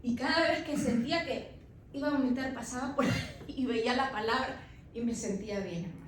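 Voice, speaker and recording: Heard from a distance in an echoey church with faint noise, a woman pastor in her thirties delivers an emphatic sermon and addresses the congregation as "brother." Her voice is a little high and a little fast.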